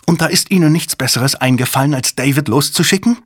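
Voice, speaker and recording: An indignant young woman snaps out short, accusing questions, as a man raises his voice to play her. The voice sits well above the reader's own, with a husky grain and a dry, close sound. It is audiobook character work. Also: fairly high pitch, fairly quick, no echo, voice pushed up. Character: angry young woman, sharp cryptographer.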